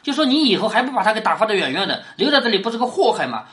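A woman's voice: mid-range voice, big pitch swings, rapid-fire, a bit bright. A woman lecturing on a classic novel, retelling and explaining it in plain conversational words and often asking rhetorical tag questions. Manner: constantly asks rhetorical tag questions, drops her voice on them.

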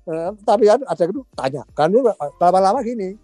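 A man, telling stories in a casual chat, animated and laughing often as he acts out quotes. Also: high-pitched, a little fast, no room sound, soft background music.

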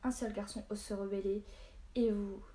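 An imposing warrior man from a read-aloud tale, commanding and scornful toward the villagers. A woman voices him. Her tone stays warm and mellow. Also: medium pitch, steady tone, moderate pace, slight background noise, lightly acted. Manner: forceful, commanding.

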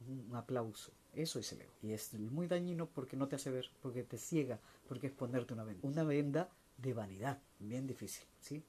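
Warm mellow voice doing a spiritual q&a, lots of rhetorical "why?" questions, acts out little scenes. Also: medium pitch, a little fast, few pauses, a little hiss or hum. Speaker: spiritual speaker answering viewer questions. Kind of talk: reflective spiritual talk.

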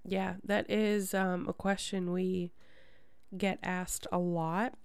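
A woman's voice: lowish voice, little pitch movement, slow, gravelly, smooth, dry recording. A woman hosting a podcast in casual chat, with a congested, nasal voice and a chatty, rambling manner. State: congested from a sinus problem. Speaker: podcast host.

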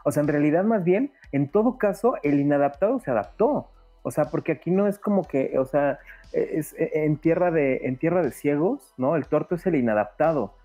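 A man's voice: on the high side, lively intonation, normal speed, highs cut off, faint music behind. A man, a guest on a podcast, talking at length in a casual discussion and thinking aloud with plenty of fillers. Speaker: guest film commentator.

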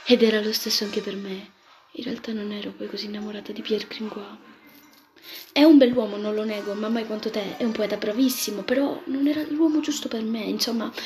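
A woman's voice: on the high side, steady tone, fairly quick, a little mellow, slight background noise, lightly acted. A woman voicing a sweet sixteen-year-old girl in love who speaks affectionately, with music playing behind. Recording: background music throughout.

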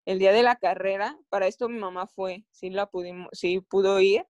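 A woman's voice: mid-range voice, flat delivery, a little mellow, no echo, lo-fi sound. Mexican woman athlete chatting in an interview, keeps restarting her sentences, dry close sound. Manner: halting, restarts phrases often. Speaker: Olympic athlete guest. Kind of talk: casual interview storytelling.

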